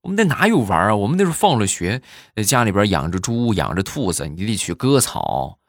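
A man telling jokes in a stand-up style, animated and acting out the people in his stories. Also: fairly low pitch, fairly quick, dry recording, studio quality. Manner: animated, acts out quoted characters in raised voices.

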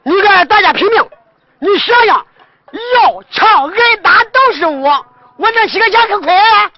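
Male comic as cheeky beggar singer, very high lively voice, dull lo-fi sound. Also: measured pace. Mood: boastful. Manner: sly, teasing banter. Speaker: comic actor. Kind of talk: comic sketch dialogue. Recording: dull lo-fi recording, faint hiss.

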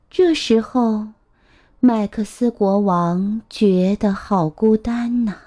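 Woman reading a bedtime picture book, very slow, lively pitch, mellow tone. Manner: gentle, expressive, drawn-out phrasing. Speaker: children's storyteller.

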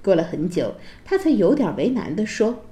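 A woman storyteller reading a children's story aloud in a gentle, expressive way. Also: mid-range voice, moderate pace. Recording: roomy echo.

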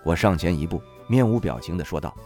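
A man narrating a novel in the first person, wry and expressive. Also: low-pitched, quick pace, soft background music. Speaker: audiobook narrator.

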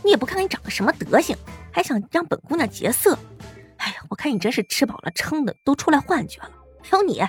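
A man voicing a fierce, sharp-tongued young woman fighter who talks down to thugs with scorn. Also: very high voice, very animated, quick pace, soft background music, voice pushed up. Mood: scornful. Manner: scornful, bossy.

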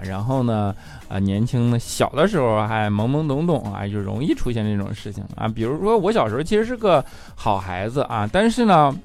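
A man with a Northeastern Chinese accent doing stand-up comedy, chatty and laughing through his punchlines. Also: medium pitch.

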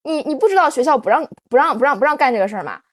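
A woman voicing a strict young male teacher who scolds in quick, sharp bursts. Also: medium pitch, sing-song. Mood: scolding.

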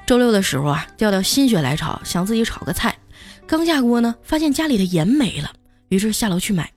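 A woman's voice: on the high side, very animated, brisk, faint music behind. A woman host telling comic anecdotes in a chatty, scripted way. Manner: chatty, punchline-driven delivery. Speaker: comedy storyteller host. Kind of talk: scripted comedic storytelling.

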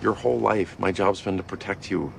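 A soft-spoken sitcom father, halting and earnest as he talks to his teenage daughter. His low voice has a gravelly edge. Faint noise sits behind him. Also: fairly even intonation. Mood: tender. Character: loving sitcom dad talking to his teen daughter. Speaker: father character in a sitcom clip. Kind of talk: sitcom acting.

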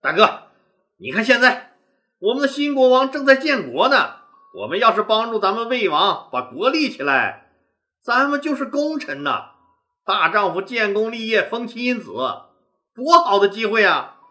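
A man's voice: high voice, moderate pace, full character voice. A man voicing a band of eager young village men who wheedle and plead with their leader. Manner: wheedling, excited.

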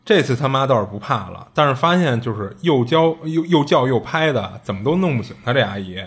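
A man's voice: mid-range voice, animated, fairly quick, husky. A man casually retelling a strange story, chatty and colloquial, often circling back with little restarts and asides.

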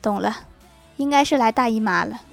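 A woman's voice: on the high side, expressive, fast, creaky, music in the background. A woman reading out a string of funny anecdotes, adding dry quips and chuckles after the punchlines.

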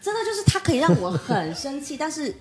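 一位三十多岁的女人在播客中闲聊，讲自己带孩子的经历，常模仿别人说话的语气。. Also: female voice, sits high, quick pace, crowd noise. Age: 30s. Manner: animated storyteller acting out quoted dialogue. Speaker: podcast guest. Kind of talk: casual chat.

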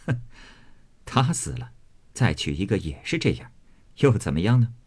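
A man voicing a drunken young nobleman who grumbles in a low mutter. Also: sing-song, moderate pace, darkish tone, husky. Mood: sulky grumbling.

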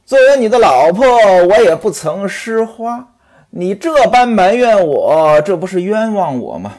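A man doing a wheedling wife in a spoken story, pitched above his usual voice and lively in her rise and fall. She pleads and coaxes in an aggrieved tone. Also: measured pace, full character voice. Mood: coaxing.

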